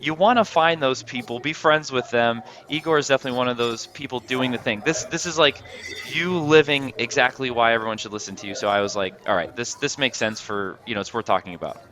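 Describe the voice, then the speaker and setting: Hyped bright-voiced male host. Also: medium pitch. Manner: hyped, fast, repeats words. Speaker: podcast host. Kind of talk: energetic interview intro and chat.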